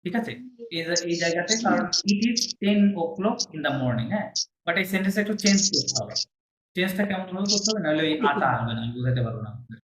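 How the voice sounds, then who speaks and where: Male teacher from Bangladesh, slightly high voice, patient quiz-style teaching, echoey classroom sound. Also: lively intonation, fast talker. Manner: patient, repeats and quizzes students. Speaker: French teacher. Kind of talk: classroom lesson. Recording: echoey room with faint noise.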